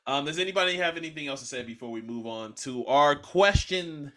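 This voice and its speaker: A young man hosting a casual podcast chat, arguing loudly and getting animated when he disagrees. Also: on the high side, a little fast. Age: young adult. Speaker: podcast host.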